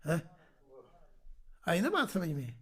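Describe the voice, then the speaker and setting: Animated male preacher telling a story on a video call, checking in with his listeners. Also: high-pitched, husky. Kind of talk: storytelling sermon. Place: online meeting.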